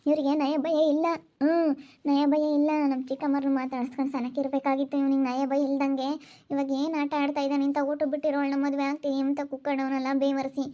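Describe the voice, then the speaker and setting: A woman voicing a sharp-tongued village mother who mutters insults, in an amateur village skit. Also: high-pitched, flat delivery, fast talker. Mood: grumbling. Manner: muttering insults under her breath. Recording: dull lo-fi sound.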